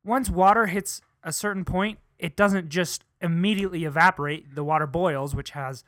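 Young male co-host, a bit high, bright and close, dry sound, teasing banter. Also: fairly even intonation, normal speed, dry recording. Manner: playful, bickering, mock-scientific. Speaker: podcast co-host. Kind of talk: casual chat.

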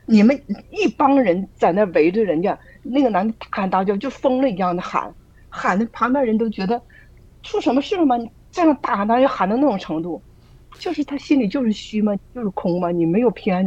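A woman talks earnestly in a mellow, slightly husky voice and keeps throwing rhetorical questions at her listeners. The sound is dull and lo-fi, close and dry, like an online group call. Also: mid-range voice, expressive, fairly quick, dry recording. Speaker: church group member sharing. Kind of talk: casual spoken sharing.

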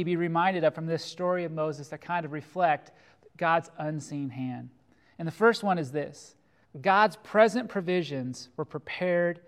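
A middle-aged man from California preaching a sermon as pastor, earnest and slowing down to stress key phrases. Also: fairly high pitch.

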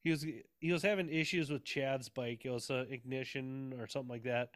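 A man's voice: mid-range voice, fairly even intonation, brisk, no room sound, studio quality. A man in casual chat, telling rambling stories with frequent laughs and swearing. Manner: rambling, laughing storyteller who swears freely.

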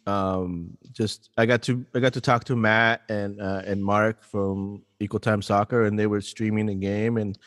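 A man with a fairly low voice chats casually on a podcast as co-host. He tells stories in an animated, rambling way, often restarting his sentences. The sound is dry and close, with a trace of long reverb behind it. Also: moderate pace, few pauses.

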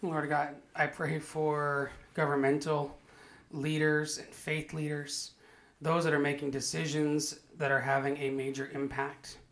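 A man's voice: on the high side, completely flat delivery, measured pace, a bit bright. A man, a pastor hosting a podcast, praying earnestly and then introducing his guest.

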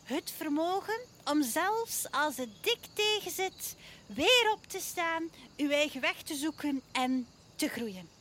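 A woman's voice: sits high, big pitch swings, takes it slowly, a bit bright, slight background noise, full character voice. A woman voicing a wise, motherly female forest creature, patient and encouraging. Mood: soothing.

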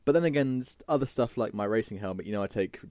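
A man's voice: on the low side, animated, a little mellow, no room sound, studio quality. A man with a Southern English accent, a podcast guest chatting casually and joking around. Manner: chatty, jokey, quick to laugh. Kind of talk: casual chat.

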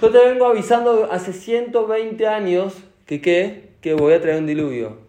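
Man doing a stern scolding God, Argentine accent, raised high voice, echoey room. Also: moderate pace, natural voice. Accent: Argentine Spanish. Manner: loud, high-pitched reproach.

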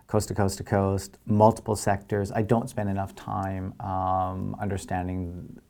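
A man answering interview questions as an organisation leader, explaining in a measured way with pauses and emphasis on key words. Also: deep voice, monotone, creaky, mellow. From Canada.

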